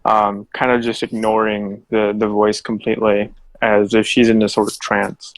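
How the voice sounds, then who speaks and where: A male tabletop player describes his character's actions in a casual way. His voice is fairly low, and the recording is dry with no room sound. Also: flat delivery, moderate pace, dry recording, low-quality recording.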